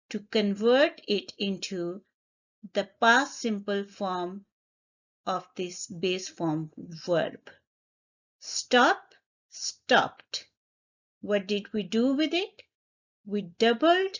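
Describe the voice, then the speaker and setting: A woman teaching an English grammar lesson, speaking deliberately, spelling out letters and repeating each example. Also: medium pitch. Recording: slightly dull lo-fi recording.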